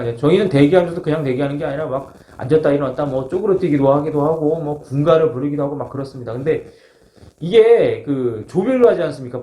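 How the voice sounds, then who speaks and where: A man casually telling a first-person story as a former marine, acting out moments with polite formal sentence endings. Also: fairly high pitch. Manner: animated, acts out shouts, polite formal endings. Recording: roomy, echoing sound.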